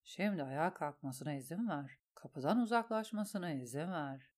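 A woman voicing a calm, scheming lord who speaks in a low, soothing, measured way in a storybook reading. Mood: smooth. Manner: soothing, measured, quietly manipulative.

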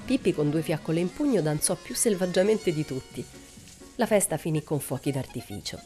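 A woman narrating a children's audiobook in a calm, expressive storytelling manner. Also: deep voice, a little fast, faint music behind.

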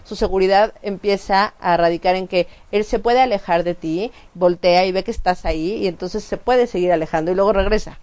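Brisk and medium-pitched with few pauses, a woman co-hosts a casual chat show. She's animated, explaining points at length with many restarts and fillers.

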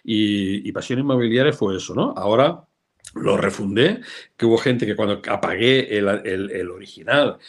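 Older man, low-voiced, animated anecdote teller in a live interview. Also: moderate pace. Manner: animated storyteller, acts out quoted voices. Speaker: real estate professional, guest. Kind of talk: casual live interview chat.

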